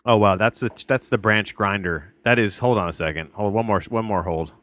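A podcast host in his late thirties speaks briskly, his voice on the low side with a fairly bright tone. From home, wearing headphones while a tree crew works outside, he loosely reviews a documentary, rambling, self-interrupting, restarting sentences, and swearing often.

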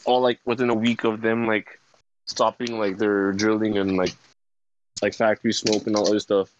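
A young man chatting casually and haltingly, peppering his sentences with filler words, on slightly dull audio. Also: on the low side, flat delivery, slight background noise. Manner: halting, full of "like". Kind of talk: casual chat.

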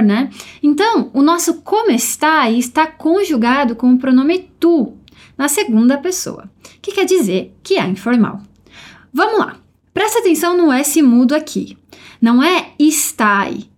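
A high-voiced woman with a Brazilian Portuguese accent runs a podcast language lesson. She sounds upbeat and encouraging and slows down carefully to model each word. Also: darkish tone. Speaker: language teacher.

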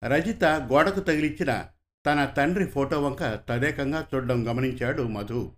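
A man's voice: mid-range voice, measured pace. Man reading a serial story. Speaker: narrator of an audio serial. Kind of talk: scripted serial narration.

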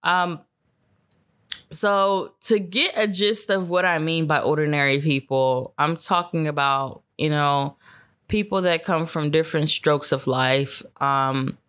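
A woman's voice: low-pitched, fairly bright tone, smooth. Tired, foul-mouthed woman podcast host. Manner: heavy swearing, rambling, slangy; laid-back, unhurried talk with frequent fillers. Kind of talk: casual solo podcast chat.

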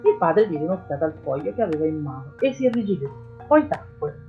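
Woman narrating a storybook, lively delivery. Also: low-pitched, fast, phone-quality sound, faint music behind. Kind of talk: audiobook narration.

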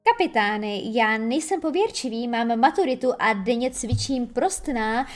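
A woman's voice: on the high side, animated, natural voice. Jittery prim young pirate, played by a woman in an audiobook, nervous and protesting. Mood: fearful. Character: frightened young male pirate, prim and educated. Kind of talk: audiobook reading.

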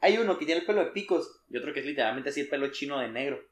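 Young Mexican co-host, fast jokey slang, a bit high-pitched, echoey. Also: male voice, animated. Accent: Mexican Spanish. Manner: joking, slangy, mimics voices. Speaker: podcast co-host. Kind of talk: casual chat.

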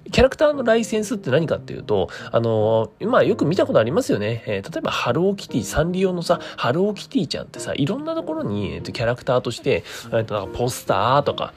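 A man's voice: medium pitch, wildly swooping pitch, quick pace, hardly any pauses. A man hosting a casual solo talk stream, mixing polite presenter phrasing with chatty asides and thinking aloud in a hesitant, meandering way. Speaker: creator hosting his own daily talk stream. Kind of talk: casual solo monologue to listeners.

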